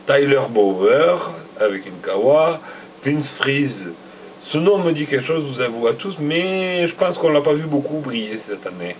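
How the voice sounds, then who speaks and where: Reading through a roster of riders, this motocross vlogger trips on the names and jokes at his own expense. He speaks at a measured pace with medium pitch and lively intonation, captured tinny and distant with a bit of hiss or hum.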